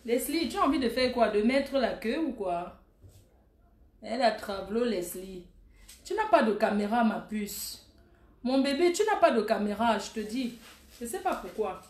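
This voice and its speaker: A woman's voice: on the high side, lively intonation, moderate pace. A woman hosting a casual live stream, chatting with viewers in a blunt, teasing way. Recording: echoey room.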